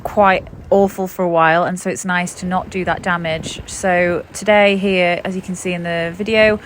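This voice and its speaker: A woman farmer giving a clear, matter-of-fact voice-over explanation. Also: lowish voice, steady tone, normal speed, a little hiss or hum. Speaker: farmer and vlogger. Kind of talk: voice-over narration.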